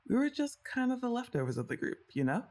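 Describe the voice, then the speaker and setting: A young voice actress plays a best friend's older sister in an ASMR roleplay, chatty, teasing and often laughing. She speaks fast and directly to the listener, with a lively, widely moving pitch and a playful mood.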